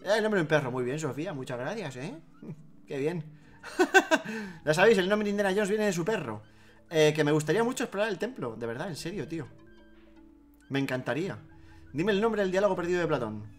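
Let's-play host, high-pitched, jokes and swears. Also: male voice, animated, a little fast, pauses often, fairly bright tone, faint music behind. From Spain. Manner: joking, swearing, laughs often. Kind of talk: casual gameplay commentary.

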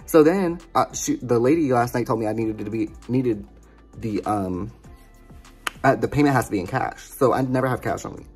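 A woman's voice: a bass voice, moderate pace, darkish tone, husky, faint music behind. A young adult woman vlogging in a casual, exasperated rant, swearing freely as she talks. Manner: profane, exasperated ranting. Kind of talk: casual ranting vlog.

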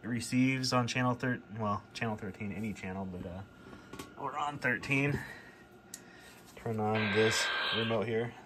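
In a workshop, a man with a lowish, unhurried voice casually and plainly demonstrates a radio repair for his video. Workshop ambience is clearly audible in the background.

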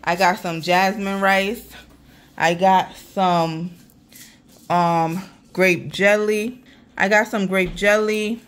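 A woman's voice: medium pitch, steady tone, slow, smooth. A woman, chatting casually to viewers through a grocery haul vlog in her apartment kitchen. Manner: chatty, talks straight to viewers as y'all. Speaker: vlogger. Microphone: handheld phone camera.

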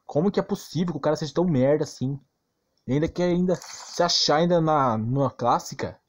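A gaming YouTuber with a Brazilian accent gives informal game commentary, arguing insistently, repeating himself and using plenty of slang. His voice is a little high and a little fast.

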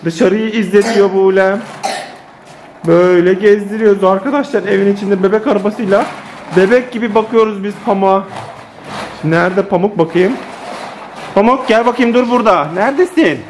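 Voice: mid-range voice, normal speed, a little hiss or hum. A woman chatting playfully to viewers and children in a casual family vlog, recorded inside a home. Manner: playful, teasing, talks to viewers and kids. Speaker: family vlogger.

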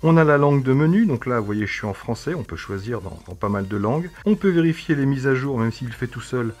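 A man's voice: mid-range voice, lively intonation, fairly quick, darkish tone. A man reviewing a tech product, explaining its menus in a casual demo with frequent hesitations. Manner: explanatory, with frequent "euh" fillers.

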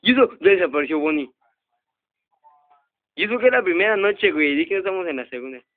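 A man's voice: high voice, lively intonation, fast. A young man with a Mexican Spanish accent commentating a horror game, swearing nonstop and yelping in panic. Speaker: gamer host. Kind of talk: let's play commentary. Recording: tinny lo-fi phone recording.

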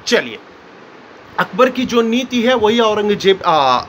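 High-voiced man teaching history. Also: sing-song, slow, fairly bright tone, a little hiss or hum. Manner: explanatory, keeps asking "clear?" and acts out quotes. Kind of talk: school history lesson.

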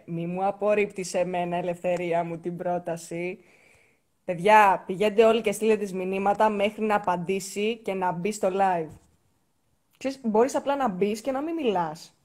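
A woman's voice: mid-range voice, a little mellow. A woman hosting a casual live stream from indoors, teasing and coaxing viewers and guests on a phone mic. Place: indoors next to a heater.

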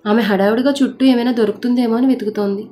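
A woman storyteller reading a story in a steady, expressive narration. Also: a little high, rapid-fire, slight background noise. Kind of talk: scripted audiobook narration. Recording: narration over soft background music.

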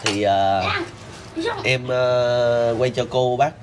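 A man hosting a casual interview, speaking haltingly with fillers. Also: medium pitch, fairly even intonation, background noise. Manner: brief prompting replies, halting fillers. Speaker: host.

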